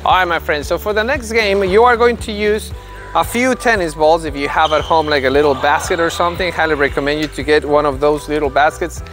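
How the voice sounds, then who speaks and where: A man in his thirties with a fairly high voice leads a children's tennis lesson. He switches between explaining drills to parents and calling out upbeat, encouraging commands to the kids. Faint music plays under his voice on a large indoor court. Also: fairly quick, a bit bright. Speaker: tennis coach. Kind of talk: instructional video narration.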